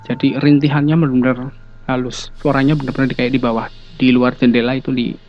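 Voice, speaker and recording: Relaxed man telling ghost stories. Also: mid-range voice, quick pace, soft background music. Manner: relaxed, hesitant, many fillers. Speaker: guest telling ghost experiences. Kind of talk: casual storytelling. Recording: dull lo-fi sound.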